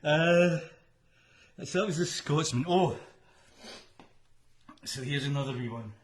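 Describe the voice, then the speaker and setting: A man's voice: on the high side, slow, slight background noise. A Scottish man livestreaming from home during lockdown, singing folk songs with jokey chat and coaxing viewers to join the chorus. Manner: jokey, coaxes viewers to sing along. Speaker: singer-songwriter livestreaming. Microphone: livestream microphone. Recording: loud instrument over voice. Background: loud acoustic instrument.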